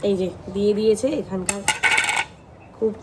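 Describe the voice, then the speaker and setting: A young woman chatting casually as a vlogger, excitable and talkative. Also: medium pitch, normal speed, noisy background. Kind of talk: casual vlog narration. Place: family home and outings.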